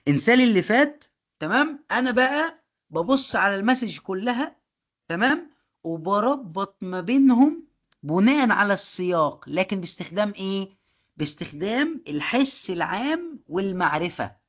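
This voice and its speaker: A man's voice: high-pitched, big pitch swings, moderate pace, fairly bright tone. A man with an Egyptian Arabic accent teaching a live online course, explaining through rhetorical questions, checking "okay?" often, and mixing English technical terms into his speech. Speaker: course instructor.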